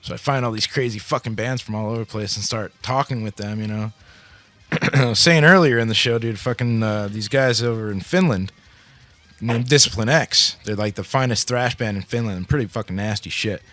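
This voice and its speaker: A man's voice: lowish voice, fairly quick, a bit bright. A man hosting a radio show in casual chat, talking in a heavily profane, slangy music-fan way.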